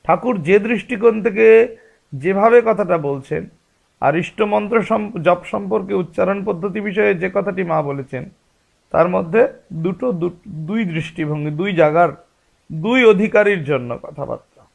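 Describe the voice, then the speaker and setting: A man's voice: sits high, moderate pace, vocal fry. A man giving a spiritual discourse as a religious teacher, explaining patiently and asking rhetorical questions.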